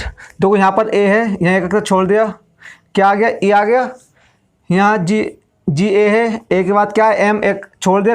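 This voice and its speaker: A male English teacher, giving a classroom lesson and explaining step by step, asking questions and then answering them himself. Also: sits high.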